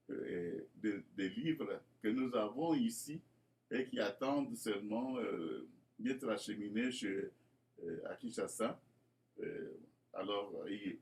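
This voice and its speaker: A Congolese man who founded a school presents his project to inspectors in a formal, almost church-like style. His fairly low voice comes with a faint hiss or hum, and his hesitant delivery is full of fillers and repeated words.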